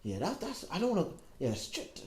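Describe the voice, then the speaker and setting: A man's voice: high voice, huge pitch swings, fairly quick, a crowd in the background. A man, a comedian guest, chatting casually on a podcast in a laid-back way with London slang.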